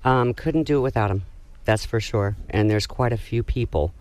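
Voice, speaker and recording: Mid-pitched casual radio interview guest, male. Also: normal speed, a little mellow. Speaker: restaurant representative, interview guest.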